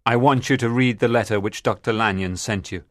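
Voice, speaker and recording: A man's voice: fairly low pitch, brisk, fairly bright tone, no echo, studio quality, pitched above the performer's own voice, natural voice. A man voicing a weary male doctor reading out his farewell letter, in an audiobook reading. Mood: resigned.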